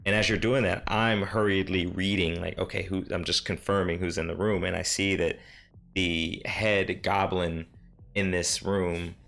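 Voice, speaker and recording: A man's voice: deep voice, level tone, unhurried, gravelly, a bit bright. A man serving as game master, casually recapping a tabletop session in a rambling, self-correcting way.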